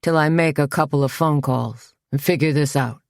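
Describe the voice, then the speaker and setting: A woman voicing a menacing armed male thug in an audiobook mystery, talking slowly and deliberately. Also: sits low, creaky, dry recording, studio quality. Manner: slow, menacing.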